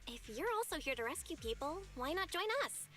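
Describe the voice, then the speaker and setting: A friendly young rescuer in a video game. The voice is high, bright and lively, with faint music behind it. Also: female voice, fairly quick. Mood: friendly, earnest.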